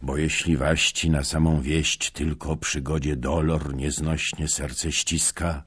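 A man voicing a grieving old soldier, talking slowly and heavily through tears. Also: rumbling low, flat delivery, husky, heavily acted. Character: grieving old male soldier, tearful and grave.

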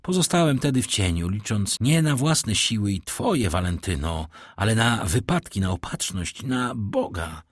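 A man's voice: on the low side, lively intonation, moderate pace, hardly any pauses, no room sound, studio quality. A man voicing a devoted young man in love, reading his lines from a novel in a fervent, pleading way. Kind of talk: audiobook reading.

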